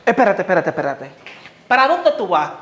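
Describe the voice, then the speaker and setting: A woman's voice: medium pitch, very animated, brisk, loud music behind the voice, close to an everyday voice. A woman playing a bossy, lazy husband who scolds, then pleads when cornered. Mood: scolding. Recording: echoey room.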